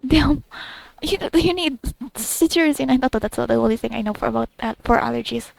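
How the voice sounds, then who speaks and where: A woman gives casual let's play commentary, reacting to a story quest in a giggly, gushing way as she thinks aloud, with faint game music behind her. Her voice is a little high, fairly quick and creaky, with no room sound but poor audio quality.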